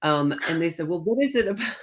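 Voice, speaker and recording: Animated and fast, a middle-aged woman with a fairly low voice speaks as an interview guest. She writes historical fiction and tells her stories conversationally, acting out bits of dialogue.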